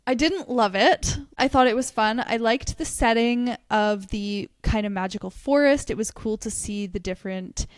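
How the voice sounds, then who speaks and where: With a slightly high voice, moderate pace and few pauses, a young woman co-hosts a book podcast. Her tone is clean and the studio-quality audio has no echo, while she reviews books casually, animatedly, and with frequent laughter.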